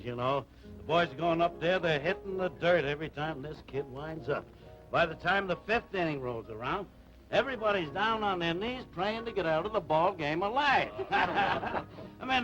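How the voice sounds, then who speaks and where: An actor playing a jovial team manager who tells a baseball story with chuckles in a 1950s TV drama. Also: male voice, fairly high pitch, a bit bright. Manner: chatty, laughing storyteller. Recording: dull old TV broadcast with music.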